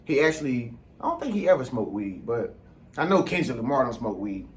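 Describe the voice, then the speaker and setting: A man's voice: mid-range voice, sing-song, a little fast. An American man talking casually in a rambling solo vlog, using street slang and repeatedly checking that listeners follow him. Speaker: vlog host giving informal advice.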